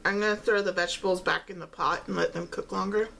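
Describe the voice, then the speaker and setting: A woman chatting casually while eating, chewing as she talks and pausing often between phrases. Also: medium pitch, steady tone, creaky, a bit bright, slight background noise. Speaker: vlogger eating on camera while talking. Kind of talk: casual mukbang-style chat.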